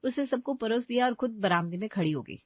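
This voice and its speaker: Brief: expressive female narrator for a cartoon story, dry close read, muffled sound. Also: on the high side, fast talker, dry recording. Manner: dramatic, expressive. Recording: dull lo-fi voice track.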